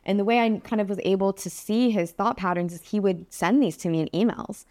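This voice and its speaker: A woman's voice: medium pitch, a little fast, darkish tone, dry recording. A woman, a guest on a podcast, telling a personal story in a candid, earnest way with many fillers. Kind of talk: interview storytelling.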